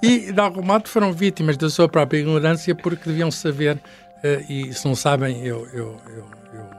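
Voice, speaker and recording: A man's voice: a little high, fairly even intonation, moderate pace, a little mellow, faint music behind. An older man with a European Portuguese accent, a science professor explaining things in casual chat, hesitant with many restarts and fillers.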